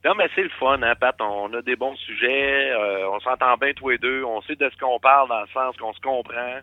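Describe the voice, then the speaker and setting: A man's voice: medium pitch, fairly even intonation, normal speed, no room sound, phone-quality sound. A man with a Québécois French accent co-hosting a podcast in casual, joking chat. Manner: joking, playful wordplay. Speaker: podcast co-host.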